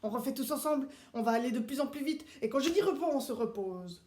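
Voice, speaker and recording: A man's voice: very high voice, animated, fast talker, darkish tone, slight background noise. A man playing a strict male Swiss soldier who teaches children with clipped, barked commands, recorded in a roomy space. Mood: drilling. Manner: barking commands, clipped and precise. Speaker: stand-in teacher. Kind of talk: playful classroom role-play. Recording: roomy echo.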